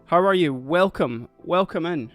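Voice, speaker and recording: On a livestream with faint music in the background, a man from Dundee chats and rambles in a Scottish accent, laughing often while busy with other things. His voice is a little high and fairly bright, with lively intonation and an unhurried pace.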